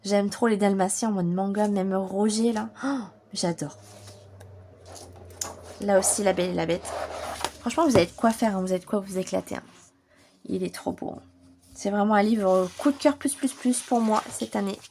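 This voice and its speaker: A French woman vlogging casually about her coloring books, chatty and enthusiastic, a little hoarse as she recovers from bronchitis. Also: medium pitch, normal speed, long pauses, noisy background. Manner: chatty, enthusiastic, many fillers. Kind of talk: casual vlog chat.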